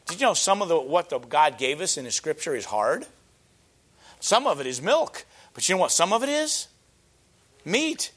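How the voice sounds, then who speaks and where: A middle-aged man preaching a sermon, emphatic and rhetorical, answering imagined objections and rising to loud peaks on key points. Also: on the high side, big pitch swings, moderate pace, pauses often.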